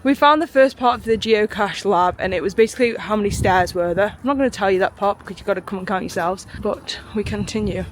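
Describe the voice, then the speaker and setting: Talking fast with hardly a pause, a woman with a medium-pitched voice gives a casual, upbeat and rambling vlog chat to a handheld camera. Scenes include a city street outdoors and a small hotel bathroom. The street audio is noisy.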